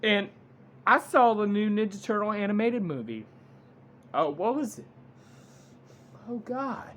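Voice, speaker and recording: A man giving an unscripted movie review rant, halting and blunt, with frequent restarts. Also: high-pitched, animated, fairly bright tone, lo-fi sound.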